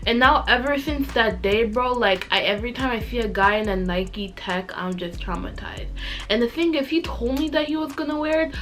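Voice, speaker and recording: A young adult woman vlogger telling stories in casual, slangy girl talk with an animated, emphatic delivery. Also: medium pitch. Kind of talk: casual chatty girl talk, storytelling to camera.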